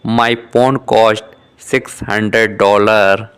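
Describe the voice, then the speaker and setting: A male English lesson reader with a voice on the low side, he sounds unhurried, crisp and careful, keeping an even tone. He reads short question-and-answer exchanges twice each, in a measured, well-articulated way, from a scripted beginner dialogue for shadowing.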